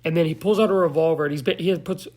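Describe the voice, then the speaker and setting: A man's voice: on the high side, very fast, darkish tone. A man giving a loose, slangy, profane recap of a movie, now and then losing track of names. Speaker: movie reviewer.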